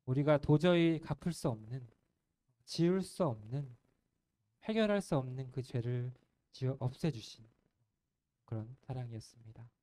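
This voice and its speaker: Man preaching a church sermon, warm mellow tone, earnest and gentle, soft trailing phrase endings. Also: medium pitch, expressive, moderate pace, long pauses. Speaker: pastor. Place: church sanctuary.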